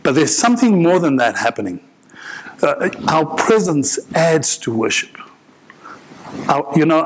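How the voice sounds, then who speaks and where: Middle-aged male pastor, earnest sermon, halting restarts, repeats lines for emphasis. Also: medium pitch, low-quality recording. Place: large indoor church hall.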